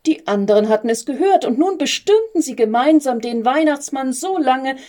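A woman calmly reading a children's story aloud. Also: high-pitched, normal speed. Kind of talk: read-aloud storybook narration.

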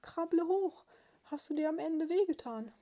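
Brief: a woman voicing a young dormouse bride for a storybook, high squeaky voice, tender and anxious. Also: expressive, normal speed, warm tone. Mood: frightened.

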